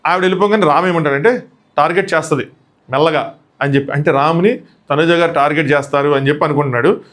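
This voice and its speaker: A man giving a casual, opinionated recap of a reality show, dropping his voice low when he quotes people. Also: fairly bright tone. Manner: retells quotes in a lowered voice; rapid, chatty, opinionated. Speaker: show commentator.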